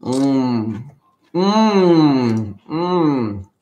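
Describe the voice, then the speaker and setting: A man's voice: mid-range voice, very animated, extremely slow, mellow, dull audio. A man from Florida chatting casually on a livestream, rambling and retelling his conversations. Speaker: livestream host. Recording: echoey room.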